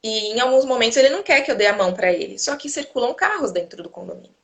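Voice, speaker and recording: A woman hosting a casual chat, a mother telling lively stories and acting out what people say, over a video call. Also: fairly high pitch, fast talker, gravelly. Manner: animated, acts out quotes while telling stories. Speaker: host; mother of a toddler.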